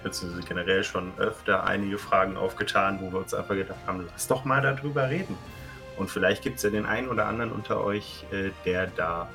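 A man's voice: deep voice, creaky. A man in his thirties from Germany, co-hosting a casual podcast and often restating himself as he rambles. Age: 30s. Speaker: podcast co-host.

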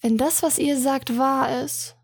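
A woman voicing a proud but troubled young princess who speaks quietly and in a murmur, in a storybook reading. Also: high-pitched, steady tone, takes it slowly, gravelly, breathy edge, no room sound, studio quality, heavily acted.

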